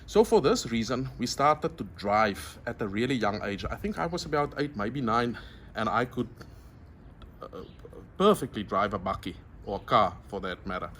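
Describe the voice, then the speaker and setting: Showing viewers how to braai, the middle-aged South African cook speaks outdoors in an Afrikaans accent, warmly greeting them as friends in a casual tutorial. The fairly low voice is expressive and a bit bright, at a moderate pace, with slight noise around it.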